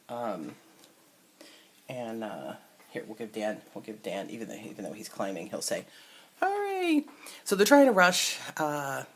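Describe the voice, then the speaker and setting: A middle-aged woman, an entertainment reporter, chatting casually as she shows off an old toy set, musing aloud with fillers and soft asides. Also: rumbling low, slight background noise. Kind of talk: casual show-and-tell toy review. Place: indoors at a table with the toys. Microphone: camera mic close by.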